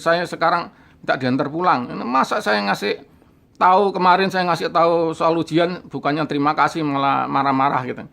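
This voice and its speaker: An older man casually telling a personal ghost story, animated, acting out his friends' lines and laughing now and then. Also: on the high side, vocal fry. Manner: animated, voices friends in quotes, laughs often.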